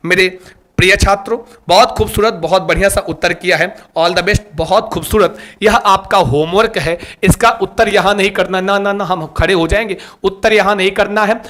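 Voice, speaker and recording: A man teaching a live online class. He talks in a lively, coaxing way, repeats key terms and keeps asking his students to answer. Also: sits high, moderate pace.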